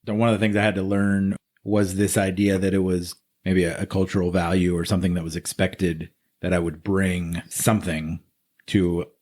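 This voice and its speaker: Low-voiced joking man, podcast co-host. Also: moderate pace. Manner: relaxed, joking, asks long rambling questions. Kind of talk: casual chat.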